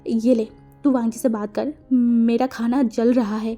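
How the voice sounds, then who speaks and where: A bustling, motherly middle-aged woman speaks affectionately and in a rush in a storybook reading, as the narrator puts her on. The voice is mellow and a little high, with faint music behind it. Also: level tone, a little slow, natural voice.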